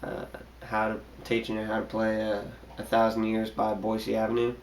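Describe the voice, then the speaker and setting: A young guitar teacher with a slightly scratchy voice from a cold gives a casual tutorial, hesitantly explaining a guitar part with many ums and restarts. His voice is on the low side and monotone, at a normal speed. Guitar plays throughout the recording.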